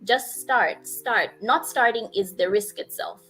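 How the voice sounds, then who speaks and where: Bright-voiced, halting woman panelist. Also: mid-range voice, soft background music, poor audio. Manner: thoughtful, halting, many fillers. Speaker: panel co-host. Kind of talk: casual panel chat.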